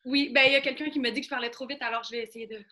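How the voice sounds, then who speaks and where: A woman from Quebec with a Québécois accent, talking fast with lots of fillers while giving a training over a video call. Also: sits high, steady tone, sharp tone. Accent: Québécois French. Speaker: guest trainer. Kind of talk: casual online training talk.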